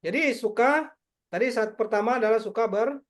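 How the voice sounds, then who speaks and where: A male lecturer with a very high voice explains exam questions to students in an online class at a moderate pace. He repeats his points often and tacks "ya" onto his sentences as a tag question.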